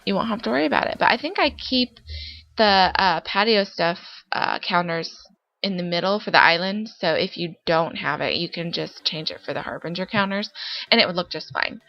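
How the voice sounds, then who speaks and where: This young woman's voice is fairly low and creaky, and she talks at a normal speed. Congested from a summer cold, the Sims building YouTuber narrates her gameplay casually and rambles with many fillers over faint background music, in dull lo-fi audio.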